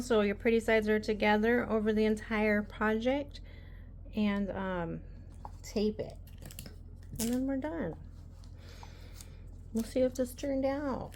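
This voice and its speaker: A woman's voice: on the high side, background noise. Chatty woman crafting tutorial. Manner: chatty, rambling, many ums. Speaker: embroidery tutorial host.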